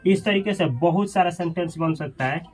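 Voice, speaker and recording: A man's voice: high-pitched, normal speed, faint music behind. A man teaching an English grammar lesson, asking questions and repeating the class's answers.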